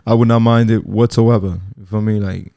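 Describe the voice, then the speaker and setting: A man in his twenties hosts a casual solo podcast, rambling in laid-back slang full of fillers and restarts. His fairly low voice is mellow with vocal fry, captured in a dry, clean studio recording.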